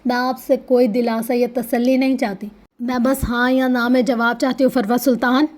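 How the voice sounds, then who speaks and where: A woman voicing a bitter, vengeful young woman who shouts and then goes cold and clipped, in a storybook reading. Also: on the high side, level tone, close to an everyday voice. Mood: furious.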